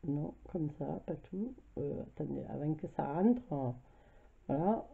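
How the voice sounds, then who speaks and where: A woman's voice: deep voice, animated, measured pace, creaky, breathy edge. Chatty French woman with a cold. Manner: chatty, hesitant, many fillers. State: has a cold, coughing. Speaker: craft vlogger. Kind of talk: casual haul video. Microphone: camera mic at home. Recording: tinny phone-like sound.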